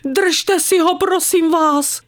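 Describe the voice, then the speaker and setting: A woman voicing an arrogant older female dog owner in a read-aloud story, with shrill, pleading cries. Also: fairly even intonation. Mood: frightened.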